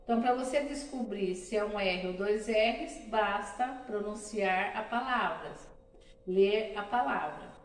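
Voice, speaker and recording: Slow patient Brazilian woman teacher. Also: mid-range voice, echoey room, far from the mic, a little hiss or hum, low-quality recording. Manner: patient, explains slowly with repeated examples. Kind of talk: classroom lesson.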